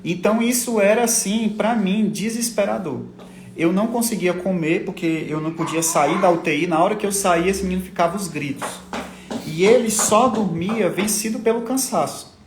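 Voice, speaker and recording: A man's voice: high voice, background noise. Tearful father, echoey room. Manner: tearful, halting, repeats words. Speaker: father of a sick child. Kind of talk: emotional personal testimony on a livestream.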